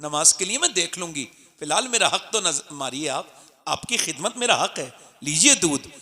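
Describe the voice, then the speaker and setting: A man preacher voicing a gentle, devout young woman who pleads softly and humbly in a sermon story. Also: a little high, animated, moderate pace, long reverb tail. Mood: pleading. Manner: soft, humble and coaxing.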